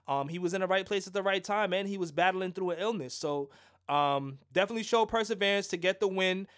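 High-pitched guy teasing his cohost, loose and chatty, sports banter. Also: fast, fairly bright tone. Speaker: fantasy football podcast co-host. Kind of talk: casual sports chat.

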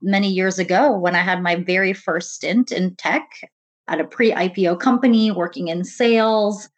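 In a conversational interview, a woman from the U.S. with a lowish voice discusses heading diversity and inclusion efforts. Her tone is sincere and measured, peppered with "really" and "kind of."

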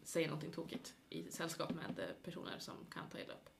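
A woman's voice: low voice, little pitch movement, gravelly, a little hiss or hum. A woman with a Stockholm accent chatting casually and jokingly as a podcast co-host.

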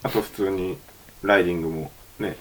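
A man's voice: deep voice, fairly quick, husky. A man telling a story animatedly in a casual chat among friends. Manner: animated storytelling, Kansai dialect. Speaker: podcast co-host.

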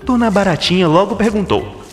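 A man narrating a scripted children's story in an expressive, theatrical way. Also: sits high, a little fast. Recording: echoey, long reverb, music behind.

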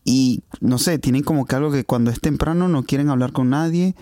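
A man with a Venezuelan accent co-hosts a casual chat, rambling through complaints and repeating words while he searches for the next one. His voice is mellow and warm at a medium pitch. The recording is dry and close. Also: a little fast, dry recording. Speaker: podcast co-host.

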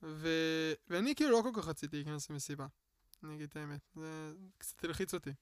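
High-voiced man telling a rambling story. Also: smooth, dry recording, studio quality. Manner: rambling, full of filler words, acts out shouted quotes. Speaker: guest telling personal stories. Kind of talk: casual storytelling chat.

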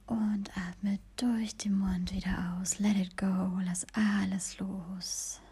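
A woman hosting a podcast, whispering a slow, soothing guided meditation. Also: medium pitch, flat delivery, warm tone, slightly rough.

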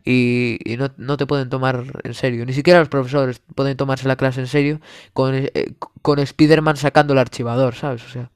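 A man's voice: mid-range voice, flat delivery, moderate pace, clean tone, no echo, studio quality. A young man with a Spanish accent from Spain, delivering a sarcastic comedic monologue full of exaggeration and swearing.

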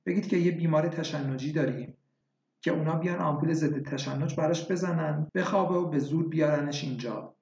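A woman's voice: deep voice, darkish tone. A man reading aloud voices a desperate, tearful village wife who pleads with a doctor. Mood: pleading. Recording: echoey, dull lo-fi recording.

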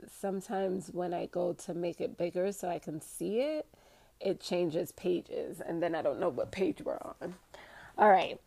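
Woman host reading a book aloud, slow and unhurried, low-pitched, excitable asides and word stumbles. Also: creaky, no echo. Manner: excitable, chatty, stumbles over hard words.

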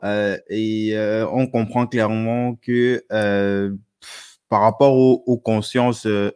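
A man hosting a casual interview, asking questions in a halting way with many fillers. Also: on the low side, level tone, a little mellow, smooth, no echo, clean studio sound. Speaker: podcast host.

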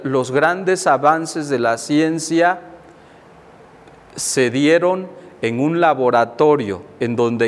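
A man, a Franciscan friar, gives a slow, reflective sermon on scripture and acts out inner dialogues as examples. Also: medium pitch, big-room sound.

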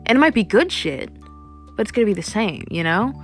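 A woman's voice: medium pitch, big pitch swings, a little fast, soft background music. A young woman hosting a casual solo podcast, rambling with lots of fillers and casual swearing. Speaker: podcast host.

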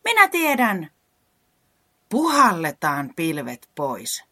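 A woman voicing a worried, excitable weatherman in a children's story, squeaky and anxious. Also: husky, exaggerated voice. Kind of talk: storybook character voice.

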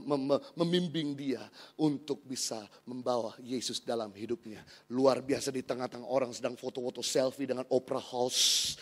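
A middle-aged man from Indonesia preaching a sermon as pastor. He moves from a hushed storytelling voice to loud, emphatic preaching. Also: medium pitch, slightly rough.

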